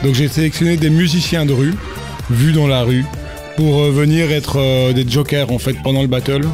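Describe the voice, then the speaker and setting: This man, a festival organizer appearing as a guest on casual radio, has a medium-pitched voice with fairly even intonation at a normal pace. He rambles, laughs, and keeps restarting his sentences while music plays underneath in the studio.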